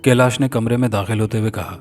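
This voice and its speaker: A man narrating a scripted horror story in an even, dramatic storytelling manner. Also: lowish voice, quick pace. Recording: distant mic with faint music.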